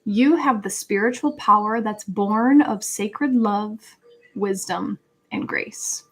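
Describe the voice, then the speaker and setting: During a casual livestream, a tarot reader and host guides her audience through a spiritual card reading, reading out messages in a conversational, earnest way. Her medium-pitched voice is slow, with a breathy edge.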